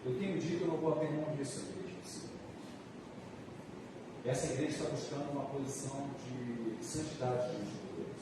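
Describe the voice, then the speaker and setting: Brazilian pastor preaching in a very echoey hall. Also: male voice, medium pitch, fairly even intonation. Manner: emphatic repetition with drawn-out phrases. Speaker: pastor preaching to his church. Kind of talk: church sermon. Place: large reverberant church room. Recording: echoey hall, distant mic, noisy.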